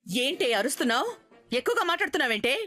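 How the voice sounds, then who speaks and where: A woman's voice: sits high, big pitch swings, very fast, sharp tone, faint music behind, heavily acted. An actress playing a scornful, proud middle-aged mother-in-law in a TV serial, sneering and scolding. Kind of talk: TV serial acting.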